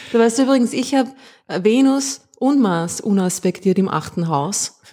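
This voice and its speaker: A woman's voice: fairly high pitch, animated, measured pace, mellow. A woman with an Austrian accent co-hosting a podcast in casual chat, joking dryly in short replies. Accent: Austrian German. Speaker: podcast co-host.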